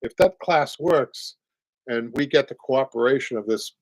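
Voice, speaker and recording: A man's voice: medium pitch, measured pace, no echo, low-quality recording. An older man with a Boston accent, hosting a casual live show and chatting while he reads out viewer comments. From Boston area, USA. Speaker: host, upholsterer. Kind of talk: casual live-stream chat.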